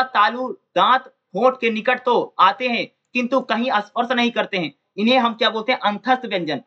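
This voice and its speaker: A man teaches an exam-prep lesson in a high, bright voice. He keeps asking his own questions and answering them, repeating key terms and drawing out example syllables. The audio is dull and lo-fi.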